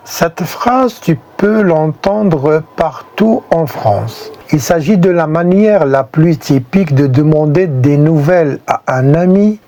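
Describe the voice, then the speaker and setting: A man teaching everyday French phrases in a scripted lesson, speaking clearly and deliberately. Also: a little high, dark tone. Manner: clear, deliberate delivery with spoken example phrases. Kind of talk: slow scripted lesson narration.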